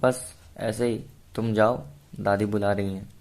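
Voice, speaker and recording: A man voicing a soft-spoken young officer. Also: fairly low pitch, little pitch movement, a little slow. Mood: gentle.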